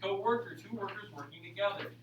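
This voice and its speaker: Male classroom teacher, high-pitched, repetitive step-by-step delivery, aerobics-instructor urging, frequent check-ins, distant mic, faint background hum. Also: quick pace, reverberant. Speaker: school geometry teacher. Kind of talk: classroom lesson to students. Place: indoor school classroom.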